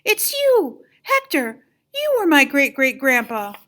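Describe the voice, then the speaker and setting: A woman as an eager, high-voiced young boy. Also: expressive, brisk. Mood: amazed. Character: earnest, excitable young boy in a storybook.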